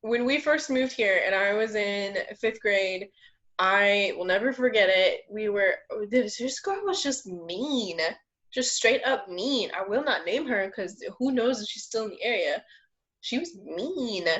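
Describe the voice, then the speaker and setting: A young woman co-hosting a casual home podcast, chatting bluntly and telling stories with a joking edge, and she says her voice is deep for a woman. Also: animated, a little slow, fairly bright tone. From Florida. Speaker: podcast co-host. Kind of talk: casual chat. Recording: muffled lo-fi home recording.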